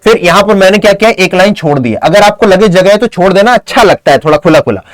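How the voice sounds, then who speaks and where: A male teacher gives a fast exam-prep lesson. He keeps checking with his students and slows down to dictate sample lines. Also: sits high, expressive, poor audio. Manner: rapid, repeats "ठीक है ना?" to check understanding.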